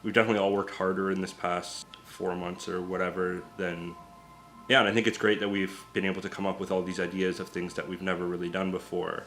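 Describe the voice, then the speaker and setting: Band guy with a really deep flat voice, matter-of-fact, faint music. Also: fairly quick. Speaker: band member. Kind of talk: casual interview answer.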